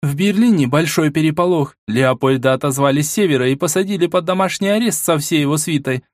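A man's voice: a little high, fast talker, no echo, studio quality, voice pushed up, lightly acted. A man voicing a hot-tempered, uncompromising noblewoman who rants with scorn. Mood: indignant. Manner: ranting, scornful.

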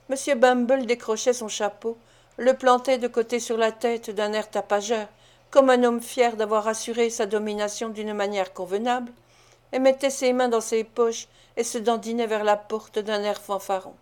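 A woman's voice: a little high, steady tone, moderate pace, a little mellow. Woman narrating a classic novel. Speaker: audiobook reader.

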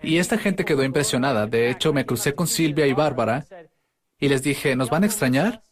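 A middle-aged man giving a humorous sermon-style talk, animated and acting out characters in quick asides. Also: mid-range voice.

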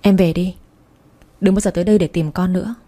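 Brief: woman reading a harsh, threatening husband, in her own mellow voice. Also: on the low side, fairly even intonation, brisk, natural voice. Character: brutal scornful young husband.

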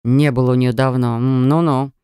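Woman doing a young man, smug, low voice, firm, mocking, audiobook character. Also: normal speed, creaky, no echo, clean studio sound. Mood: smug, commanding. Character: brooding confident young man, pushy and smug.

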